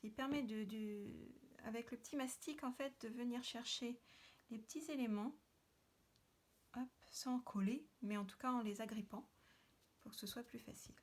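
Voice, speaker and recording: A woman with a slightly high voice, speaking at normal speed, hosts a card-making tutorial. She keeps it casual, talking while she crafts and filling her speech with hesitations and fillers.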